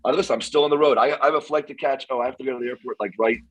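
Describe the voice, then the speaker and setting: A hoarse man, an inventor guest, talking excitedly in a casual interview, repeating words and using lots of fillers. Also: medium pitch, racing, crowd noise, poor audio. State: hoarse, losing his voice.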